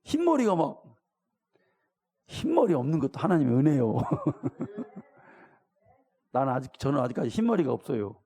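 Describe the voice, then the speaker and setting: Sing-song and warm, a fairly high-pitched male voice moves at normal speed with long pauses. He is a middle-aged pastor giving a colloquial sermon, questioning the congregation and voicing the story's characters.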